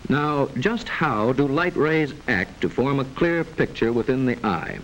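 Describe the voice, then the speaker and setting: Narrating a scripted mid-century educational film, a man with a mid-range voice sounds lively yet formal, measured and didactic, enunciating precisely. The vintage soundtrack is hissy and low quality.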